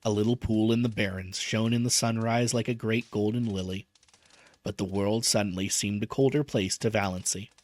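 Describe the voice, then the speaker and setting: A man reading a novel aloud as a streamer, gentle and emotional, pausing to chat about the story. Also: fairly low pitch, fairly even intonation. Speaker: vtuber book reader.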